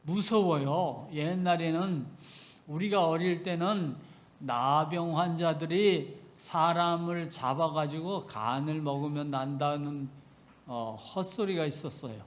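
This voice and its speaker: High-voiced emphatic male pastor preaching. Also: slow. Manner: emphatic, swings between loud rebukes and soft asides. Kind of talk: sermon.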